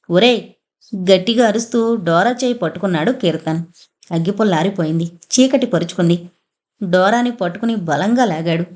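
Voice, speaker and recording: A woman reading a horror thriller audio novel aloud, in a steady, dramatic storytelling manner. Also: mid-range voice. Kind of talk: scripted horror narration.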